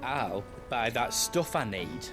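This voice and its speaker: An earnest young video game character at a middling pitch. He talks slowly and carefully, with faint music behind. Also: big pitch swings. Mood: careful, helpful. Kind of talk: video game drama acting.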